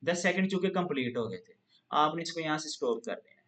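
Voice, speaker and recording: A man with a rather high voice walks through a software tutorial one step at a time. He explains patiently and keeps coming back to the same filler phrase. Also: lively intonation, fast talker. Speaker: instructor. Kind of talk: screen-recorded software tutorial.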